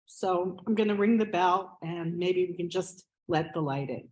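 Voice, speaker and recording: A woman with a fairly low, darkish voice speaks at a gathering in memory of a relative, using a microphone. Her words come haltingly, with many fillers and restarts, and the recording is rough.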